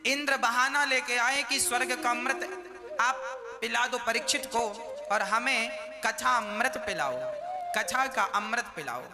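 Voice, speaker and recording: A man's voice: extremely high pitch, a little slow. A male preacher telling folksy devotional stories and acting out the characters, in a reverberant hall with music behind. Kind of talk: devotional storytelling sermon.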